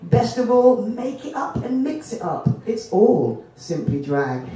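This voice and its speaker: With a medium-pitched, warm voice that swings widely in pitch and moves slowly, a poet in their thirties performs spoken word at a stand microphone. Born in Fiji and raised in Jamaica, they deliver the lines rhythmically and emphatically in an outdoor festival tent. The footage was shot from the audience, so the sound is distant and echoey.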